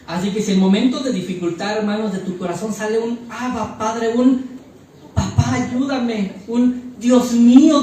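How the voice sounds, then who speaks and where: A man's voice: high-pitched, darkish tone, slight background noise. A man preaching a fervent sermon as pastor, repeating phrases for emphasis and addressing the congregation. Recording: echoey church hall, mic far off.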